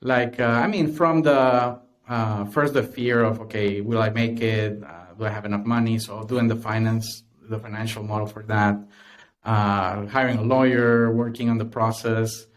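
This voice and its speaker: Appearing as a podcast guest, a Honduran tech cofounder with a Honduran Spanish accent talks at a moderate pace in a lowish, level voice. He often restarts sentences and leans on lots of fillers during the interview.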